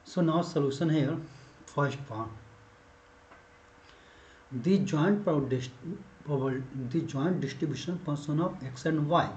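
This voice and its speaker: A man teaching a maths lesson step by step, dictating notation symbol by symbol in short, halting phrases. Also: fairly high pitch, darkish tone, slight background noise. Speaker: mathematics teacher. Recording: echoey room, dull muffled sound.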